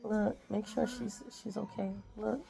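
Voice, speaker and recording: A woman speaks straight to her viewers in a casual, heartfelt way. Her voice is strongly gravelly and full of fry. She sits at a middle pitch and drives her points home by saying the same phrase again and again. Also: fairly even intonation, a little slow, mellow. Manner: repeats phrases for emphasis, preachy and heartfelt. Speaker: vlogger. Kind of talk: casual motivational talk.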